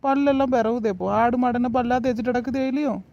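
A woman's voice: fairly high pitch, very fast, darkish tone, muffled recording, lightly acted. A woman voicing a cheeky, lazy young wife, always hungry and talking back. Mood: muttering. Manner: cheeky, talks to herself, sweetly impudent. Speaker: lead character. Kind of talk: cartoon comedy voice acting.

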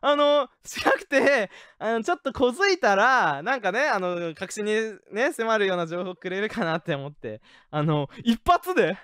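A man streaming a game, commenting excitedly, jumping from low mutters to rough joking shouts at the characters. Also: normal speed, few pauses, no room sound, studio quality. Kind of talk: gaming live-stream commentary.

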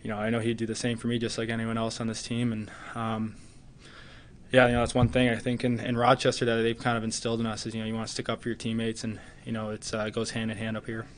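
Speaking into a table mic set in front of him in an arena press room, a hockey player in his twenties earnestly fields postgame questions, leaning heavily on "you know." His voice is fairly low and totally flat, his pace quick, with slight background noise.

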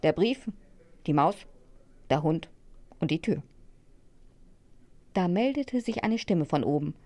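A woman narrating a children's fairy tale in a calm storytelling voice. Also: low voice, slow.

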